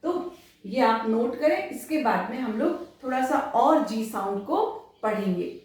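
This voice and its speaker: A woman teacher giving a lesson, explaining step by step and repeating example words slowly. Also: a little high, lively intonation, a little mellow. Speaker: English teacher. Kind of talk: classroom-style lesson. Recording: distant mic in a very echoey room.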